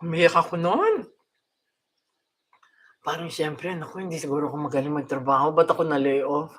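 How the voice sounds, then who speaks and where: An older Filipina vlogger from the Philippines chats casually with her viewers at home, laughing often and mixing in English. Her voice is deep, animated, and slightly rough, at a normal speed.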